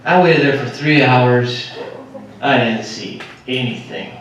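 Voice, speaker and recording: A man preaching a sermon through a funny story, self-mocking and animated. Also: mid-range voice, takes it slowly, a little hiss or hum. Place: church sanctuary. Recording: echoey hall from far off.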